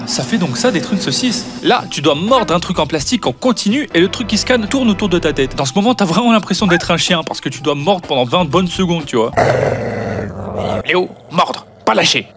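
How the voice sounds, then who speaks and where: A man in his twenties tells a comic personal story in a slangy, joking way. His slightly high voice swings widely in pitch and moves quickly, with faint music behind it. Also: a bit bright. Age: 20s. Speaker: storytelling video creator. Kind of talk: scripted comic narration of personal anecdote.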